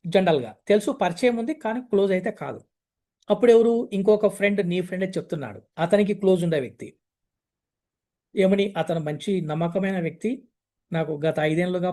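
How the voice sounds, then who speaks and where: A man teaching a spoken language lesson. He explains patiently and says each example phrase slowly and clearly, then repeats it. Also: sits high, darkish tone. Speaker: English teacher.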